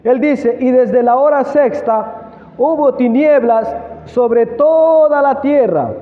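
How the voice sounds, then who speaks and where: A man preaching a sermon, reading scripture slowly and asking the congregation questions. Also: extremely high pitch. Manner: asks the congregation questions, slow emphatic reading. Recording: echoey hall, tinny phone-like sound.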